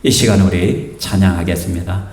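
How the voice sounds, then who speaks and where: A man's voice: low-pitched, moderate pace, darkish tone, a little hiss or hum. A male pastor from South Korea, preaching a sermon with emphatic rhetorical questions in a church sanctuary. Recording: echoey church hall, faint music.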